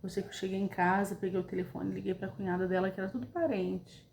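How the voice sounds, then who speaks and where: A woman's voice: mid-range voice, flat delivery, fast talker, creaky, a little mellow, roomy sound, slight background noise. A woman with a Brazilian Portuguese accent telling a personal story in a chatty way, talking straight to her listeners. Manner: chatty, addresses listeners directly, retells quoted dialogue. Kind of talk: casual storytelling.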